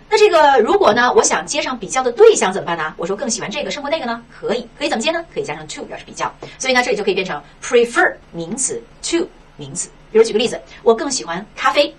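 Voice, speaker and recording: Woman, English teacher, very rapid, animated pitch, rhetorical questions, distant mic, faint hiss. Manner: lively, rhetorical questions, frequent "是吧". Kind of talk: explaining textbook lesson.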